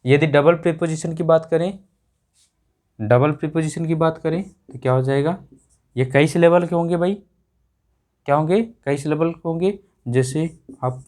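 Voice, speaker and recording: This male English teacher has a mid-range, darkish voice. He walks his class through grammar and restates every point as a question to the students.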